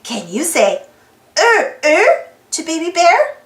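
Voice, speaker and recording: In a slow, exclaiming read-aloud for kids, a storybook reader and channel host keeps prompting her young listeners with questions. Her voice is very high-pitched and a bit bright, its pitch swooping wildly, heard in a reverberant room.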